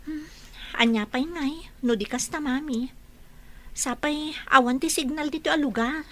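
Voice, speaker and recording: A woman plays a patient village mother in a radio drama, a little reluctant. Her voice is on the high side. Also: measured pace, bright, forceful tone. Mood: patient, resigned. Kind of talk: Ilocano radio drama acting.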